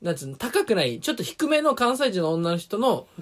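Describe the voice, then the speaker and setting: A man's voice: sits high, sing-song, brisk. A young man co-hosting a casual comedy radio talk, rambling through a story and teasing his partner. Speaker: radio show co-host.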